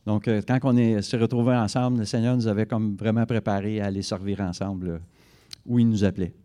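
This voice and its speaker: A man's voice: lowish voice, steady tone, a little fast, dark tone. A man interpreting a guest speaker's talk into French for a church congregation, fluent with occasional self-corrections. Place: church service.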